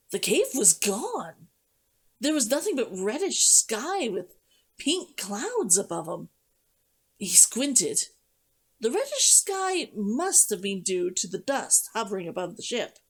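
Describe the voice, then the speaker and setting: A woman reading a novel aloud as a streamer, narrating in an expressive, dramatic storytelling manner. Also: medium pitch, breathy edge. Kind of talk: audiobook-style story narration.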